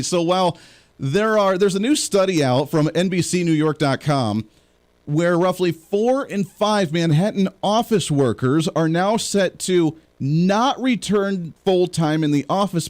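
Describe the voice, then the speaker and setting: A man's voice: a little high, a little mellow. A man hosting a political talk show, joking and rambling through sarcastic asides as he chats to his audience. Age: young adult or middle-aged parent. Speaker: host.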